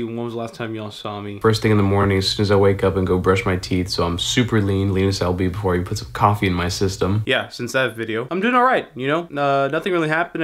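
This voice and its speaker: Young male vlogger, chatty and rambling, faint braces lisp, average pitch. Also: a bit bright. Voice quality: slight lisp from new braces. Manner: chatty, rambling, talks while chewing. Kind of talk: casual vlog chat.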